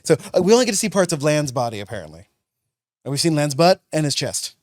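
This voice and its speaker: A man's voice: fairly high pitch, fast talker, no room sound. A man co-hosting a casual podcast chat in a tavern, joking and swearing freely. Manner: jokey, animated, swears freely. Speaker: podcast co-host.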